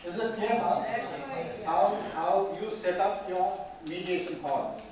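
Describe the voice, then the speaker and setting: A high-pitched man from Tamil Nadu, India, is a mediation trainer giving a classroom lecture in a large, echoey training hall, often asking the room questions. The mic is distant: he's off mic, the hall is very echoey, and there's a faint room hum.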